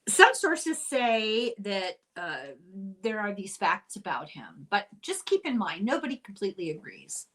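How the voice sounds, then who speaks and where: A woman's voice: medium pitch, very animated, a little slow, few pauses, fairly bright tone, poor audio. Older Irish woman, host of a casual explainer. Chatty and wry, prone to tangents. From Ireland. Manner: chatty, wry, digressive asides.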